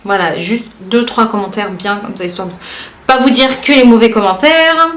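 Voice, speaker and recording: A woman's voice: mid-range voice, moderate pace. A woman, a former flight attendant, vlogging casually and talking straight to her viewers with lots of fillers. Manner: animated, talks straight at the viewer with many fillers. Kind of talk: casual chatty vlog, reading out comments. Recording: roomy echo.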